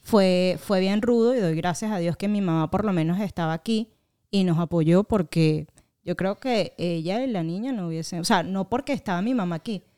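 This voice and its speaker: A woman's voice: on the low side, moderate pace, dark tone, clear, resonant tone. A young Venezuelan woman co-hosting a casual podcast, telling family stories animatedly and acting out what her relatives said. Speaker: podcast co-host. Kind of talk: casual chat.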